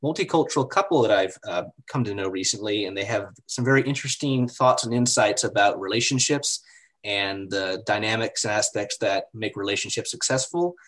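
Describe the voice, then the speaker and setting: Upbeat podcast host with lowish voice. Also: male voice, fairly quick, fairly bright tone. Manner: upbeat, with frequent "you know" and "uh" fillers. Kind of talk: podcast interview.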